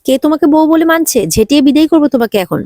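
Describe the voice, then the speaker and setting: A woman's voice: high-pitched, animated, rapid-fire, mellow, no echo, pitched above the performer's own voice. Woman doing a bossy old granny, scolding, ordering ppl around, dry close sound. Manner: scolding, commanding. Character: stern, domineering old grandmother.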